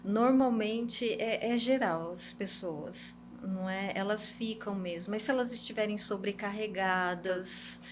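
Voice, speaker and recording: An older woman speaks as a guest on a podcast. She explains in a calm, advising way, pitched at a middling height, and often checks in with a questioning tag. A faint hum sits under her voice. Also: unhurried. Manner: calm, advising, ends points with "não é?". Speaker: psychologist guest.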